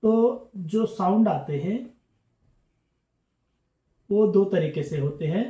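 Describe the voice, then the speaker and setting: A man gives a classroom-style lesson in a mellow, warm voice. He explains each point patiently, repeats key words and keeps checking in with his listeners. The sound bounces around an echoey room. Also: high-pitched, slow. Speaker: English teacher.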